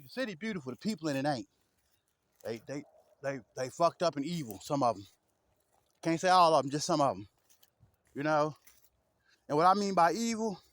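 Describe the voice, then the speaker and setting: A man rants loosely to his camera, blunt and full of profanity. His voice sits somewhat high, and the sound is close and dry, with no room echo. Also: a bit bright. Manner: blunt, profane, rambling street talk with repeated asides. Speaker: vlogger. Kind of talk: casual rant to camera.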